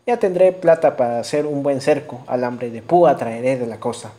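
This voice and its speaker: A man's voice: mid-range voice, normal speed, dark tone, lightly acted. A man reading an audiobook voices a hunted peasant outlaw who is humble and desperate and speaks in an earnest, imploring way.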